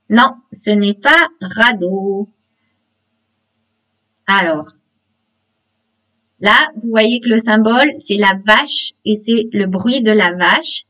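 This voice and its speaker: A woman's voice: medium pitch, fairly bright tone. A woman leading an online teacher-training webinar, explaining classroom games step by step and speaking directly to participants over a video call. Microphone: computer mic on a video call. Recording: dull lo-fi webinar audio.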